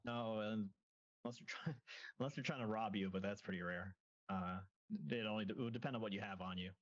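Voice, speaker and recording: A wary, seasoned female salvage diver who has seen it all, explaining the deep in a flat, matter-of-fact way, as a man puts her on in his own fairly low voice. The recording is dull and lo-fi, like an online call. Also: a little fast, close to an everyday voice.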